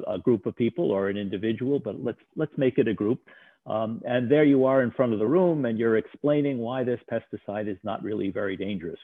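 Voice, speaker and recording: A man's voice: lowish voice, no room sound. A man giving a slide lecture on risk communication, talking in a discursive way with frequent fillers and restarts. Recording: tinny phone-like line, dry sound.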